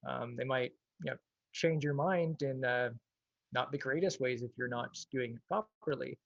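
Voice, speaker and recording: A man's voice: medium pitch, normal speed, vocal fry, fairly bright tone, no echo, lo-fi sound. A man speaking as an activist guest in a casual livestream interview. He is thoughtful and hedges, with plenty of "like" and "you know".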